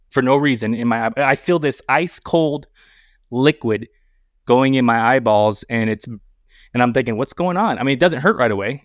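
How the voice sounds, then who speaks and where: A man's voice: medium pitch, no echo. Male podcast guest, rowdy storyteller, swears freely, dry close mic. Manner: animated, profane, acts out dialogue. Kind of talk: casual storytelling.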